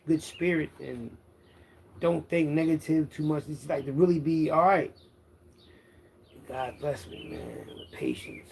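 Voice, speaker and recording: Outdoors with birdsong and background noise behind him, a man in his 50s from Philadelphia, United States, rambles in a slang-heavy street monologue, boasting casually and self-assuredly. His voice sits on the high side, gravelly and warm. He's an internet content creator.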